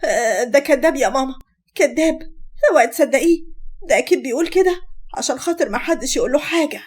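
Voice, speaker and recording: A woman's voice: high-pitched, animated, fast talker, a little mellow. Woman doing a desperate young Egyptian wife. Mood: defiant. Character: young Egyptian wife, defiant then pleading.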